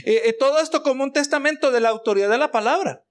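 A man's voice: extremely high pitch, quick pace. A man preaching a sermon as pastor, mixing rhetorical questions and exclamations of praise for the congregation.

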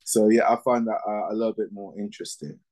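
A man in his fifties who grew up in Barbados, a former cricketer and coach answering interview questions in a measured way with lots of ums. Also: on the low side, a little mellow, rough recording. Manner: measured, with frequent fillers.

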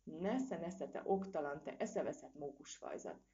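A woman's voice: low voice, animated, warm tone. A woman voicing a timid, fretful male monkey in a storybook reading, panicky and pleading. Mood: fearful. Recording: dull lo-fi recording.

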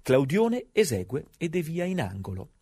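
A man's voice: on the high side, wildly swooping pitch, moderate pace, warm tone, breathy edge. A man narrating scripted sports history as a storyteller, with conversational rhetorical asides.

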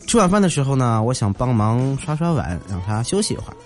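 A man hosting a show, telling comic anecdotes in a lively storytelling manner and mimicking the people in them. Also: medium pitch, fast. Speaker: host. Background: faint music.

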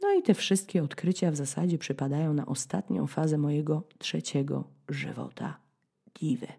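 A woman in her thirties from Poland hosting a podcast, telling a story in a dramatic, ironic way, with sudden high-pitched bursts as she acts out scenes. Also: very animated, moderate pace, creaky, mellow, slightly rough. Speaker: podcast host. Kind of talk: storytelling monologue.

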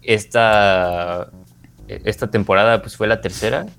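A man's voice: lowish voice, fairly even intonation, slow pace, gravelly, fairly bright tone, clear, resonant tone. A man with a Mexican accent co-hosting a podcast, giving a casual, informal review and often rephrasing as he explains. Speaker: podcast co-host and series reviewer.

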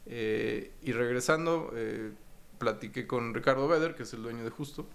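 Gravelly Mexican man in his forties. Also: medium pitch, normal speed. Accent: Mexican Spanish. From Mexico City. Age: 40s. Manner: relaxed, rambling with many fillers and tag questions. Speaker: guest, finance executive. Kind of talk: casual interview talk.

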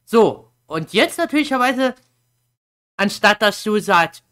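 A woman's voice: mid-range voice, sing-song, slow pace, a bit bright. A woman youtuber casually explaining a game's plot, chatty and slangy, acting out quotes.

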